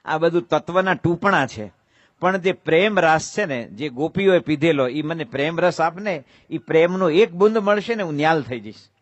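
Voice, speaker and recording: A man's voice: a little high, moderate pace, no room sound. A man with a Gujarati accent giving a devotional sermon, telling stories, asking rhetorical questions and breaking into sung verses. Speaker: preacher giving a religious discourse.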